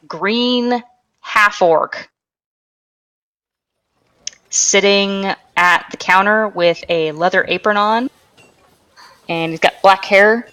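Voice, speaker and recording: A young woman narrating as game master for a tabletop game over voice chat, halting, with many fillers and restarts. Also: medium pitch, fairly bright tone, low-quality recording.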